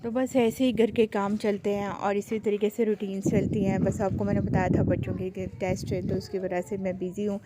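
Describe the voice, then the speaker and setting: Chatty woman vlogger over loud background noise. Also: mid-range voice, flat delivery. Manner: chatty, homely, deliberately slow and careful delivery. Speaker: cooking vlogger and mother. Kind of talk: casual voice-over narration of a cooking vlog.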